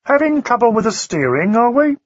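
Man playing a prim policeman, coldly polite, high voice, lively pitch, a bit husky. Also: a little fast, dry recording, full character voice. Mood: officious. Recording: dry, slightly dull recording.

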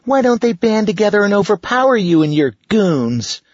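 A man's voice: sits high, very animated, normal speed, no room sound, voice pushed up. A man voicing a brave young twin girl who speaks with spirited defiance. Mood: defiant. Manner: spirited, indignant. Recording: dull, muffled recording.

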